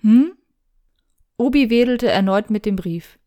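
A woman calmly reading a story aloud in a steady narrating voice. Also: a little high, moderate pace.

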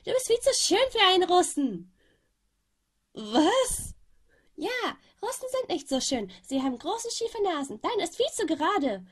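A woman voicing an overexcited Polish teenage boy who rambles on and on, with a slightly husky voice. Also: extremely high pitch, very animated, measured pace, voice pushed up, full character voice. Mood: insistent.

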